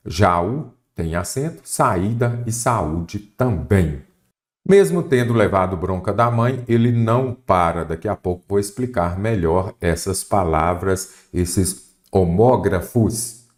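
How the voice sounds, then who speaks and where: A lower-voiced middle-aged man with a Brazilian Portuguese accent leads an exam-prep grammar class. He walks through each rule step by step and keeps posing quick questions to the students, then answers them himself. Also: a little mellow. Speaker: teacher.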